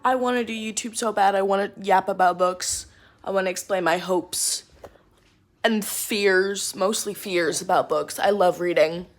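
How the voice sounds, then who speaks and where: A woman's voice: medium pitch, unhurried, reverberant. A young woman in a casual, rambling rant full of fillers and sarcastic asides, speaking as a book vlogger at home.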